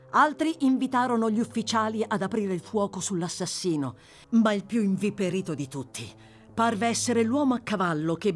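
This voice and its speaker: A woman reading a classic novel aloud, narrating in a measured, dramatic storytelling manner. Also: medium pitch. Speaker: audiobook reader. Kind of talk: scripted literary narration.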